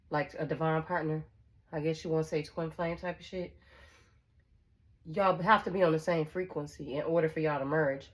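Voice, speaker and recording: Low-voiced woman giving a blunt tarot reading. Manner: blunt, swears freely, repeats phrases and checks in with "okay?". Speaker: tarot reader. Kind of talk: casual tarot reading to viewers.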